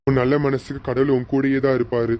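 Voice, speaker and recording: A man's voice: mid-range voice, little pitch movement, a little fast, dull audio, a little hiss or hum, lightly acted. An actor playing a caring, devoted young man in a TV serial, speaking tenderly and reassuringly. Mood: warm. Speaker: devoted husband or fiancé. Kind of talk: TV serial acting.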